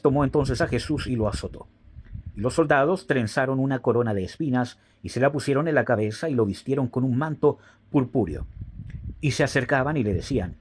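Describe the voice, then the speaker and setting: A man reading scripture aloud in a steady, solemn way. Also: medium pitch, breathy edge. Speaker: Bible reader.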